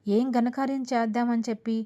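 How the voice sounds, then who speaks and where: A woman's voice: a little high, steady tone, fairly quick, warm tone, natural voice. A woman voicing an angry middle-aged father who scolds his daughter harshly. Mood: angry scolding. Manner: scolding, accusing. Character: furious drunkard's-family father, middle-aged man.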